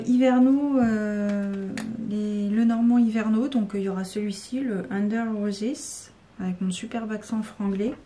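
Chatty French woman with a mellow voice. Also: fairly high pitch, slight background noise. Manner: chatty, rambling, many fillers and restarts. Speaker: YouTuber showing card decks. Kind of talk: unscripted casual talk to camera.

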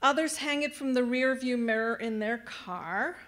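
A woman with a somewhat high voice delivers a graduation ceremony speech into a podium microphone. She addresses the graduates directly, giving them step-by-step instructions in a large venue. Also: a little slow. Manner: warm, directing the crowd with instructions. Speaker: adult education staff speaker at graduation.

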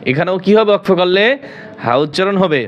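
A man with a Bangladeshi Bengali accent teaching Quran recitation, spelling the verses out letter by letter and chanting them slowly. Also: sits high, lo-fi sound, soft background music. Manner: slow drawn-out chanting of verses between quick spelling drills.

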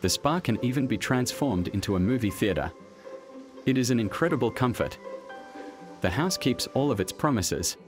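A man reading a scripted documentary voice-over in a measured, even delivery. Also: medium pitch. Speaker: documentary narrator. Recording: voice-over with music bed. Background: background music.

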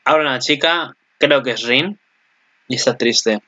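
A young man with an accent from Spain, giving casual anime commentary, excitable and swearing freely while laughing at himself. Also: medium pitch, normal speed, dull audio.

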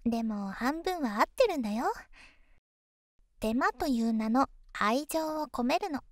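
A woman voicing an affectionate, teasing young girlfriend in an ASMR ASMR role-play, soft and coaxing, intimate pillow talk. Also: high voice, lively intonation, a little slow, no room sound, studio quality. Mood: playful, affectionate.

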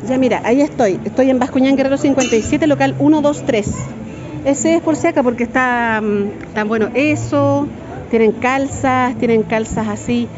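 Chatty high-voiced Chilean woman vlogging. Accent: Chilean Spanish. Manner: chatty, excitable, quick to laugh. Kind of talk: casual shopping vlog. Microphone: handheld phone. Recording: dull lo-fi phone audio with noise.

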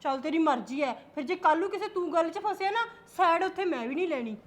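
A woman's voice: very high voice, expressive, fast. A woman playing a suspicious young wife who argues and accuses. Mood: pleading. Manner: argumentative, accusing.

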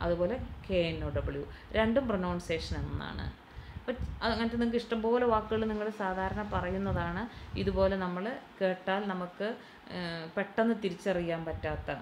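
A woman's voice: lowish voice, noisy background. A woman instructor teaching a class in a Malayali English accent, repeating words and spelling them out letter by letter. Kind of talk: classroom lesson explaining English pronunciation. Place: training institute classroom.

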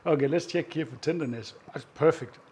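A man hosting a cooking show, calmly explaining each step as he cooks, often chuckling. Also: fairly high pitch, fairly quick. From Northern Europe. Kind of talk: casual cooking demonstration.

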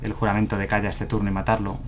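Streaming a card game indoors at home, this Madrid-born man in his thirties talks fast in a low, level tone over soft background music. His Madrid Spanish accent comes through as he thinks aloud casually into a headset mic, adding self-deprecating chuckles to his live commentary.

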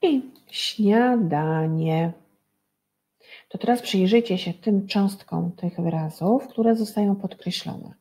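A woman's voice: mid-range voice, a little slow, hardly any pauses, warm tone. A woman teacher giving a reading and spelling lesson to young children, patient and drawing out each syllable. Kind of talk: early-school reading lesson.

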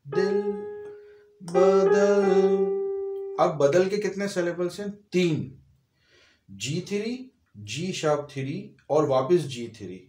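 A man's voice: a little high, very animated, slow, a little mellow, echoey room. A man giving a piano and vocal lesson, explaining notes step by step and singing short phrases between his explanations. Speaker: music teacher. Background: piano playing.

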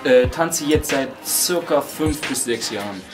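A 21-year-old man and hip hop dancer, talking casually about his dancing in a relaxed, searching way with many fillers and restarts. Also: medium pitch, unhurried. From Germany. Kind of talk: casual interview talk. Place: indoors beside a wooden wall. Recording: music playing under the voice.

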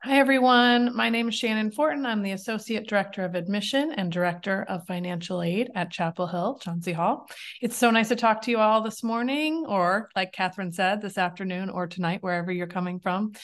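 A woman's voice: medium pitch, fairly quick. Cheerful woman from admissions staff. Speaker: admission associate director. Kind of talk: friendly greeting. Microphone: video call.

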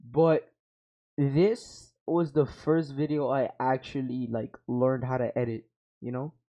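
A young man reacts to his old gaming videos in meandering, self-mocking talk with plenty of swearing. His voice, heard through an over-ear headset in a small room at home, is medium-pitched, level, slow and mellow.

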